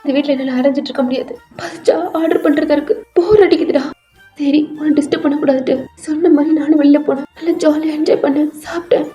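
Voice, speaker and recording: Brief: a woman playing a young woman, high and pleading, homesick and teary, dark mellow tone, music underneath. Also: lo-fi sound, close to an everyday voice. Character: young woman, frightened, homesick, tearful friend.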